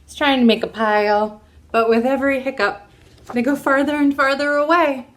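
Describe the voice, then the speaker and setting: At storytime, a woman with a high voice reads a children's storybook aloud at normal speed. She's expressive and often puts questions to her young audience.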